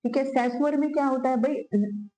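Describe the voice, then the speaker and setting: Mellow-voiced woman teaching an exam class. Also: high voice, normal speed, faint music behind, rough recording. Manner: explains in Hindi mixed with English terms; repeats filler checks to students. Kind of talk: exam-prep lecture.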